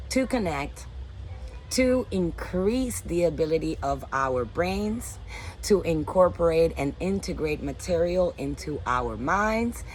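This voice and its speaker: In poor-quality phone audio with a touch of hiss or hum, a forty-something woman from the Dominican Republic speaks to camera in her backyard beneath a canopy. In a deep voice, she describes her work as a teaching artist with earnest enthusiasm.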